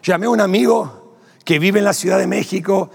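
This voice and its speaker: A Rioplatense Spanish-accented pastor tells a story from the pulpit, playing every part in it. His voice sits high and gravelly with a husky edge, and it rings out through a large hall with long reverb. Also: a little fast. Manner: animated storyteller acting out dialogue, laughing. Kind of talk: sermon with storytelling.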